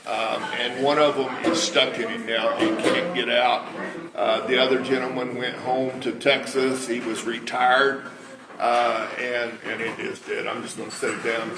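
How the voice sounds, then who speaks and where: An American man of about sixty with a big preacher's voice tells anecdotes during an informal public talk and interview in an indoor cafe. His voice is medium in pitch, flat in delivery and a little slow. The room is echoey and background noise is clearly audible.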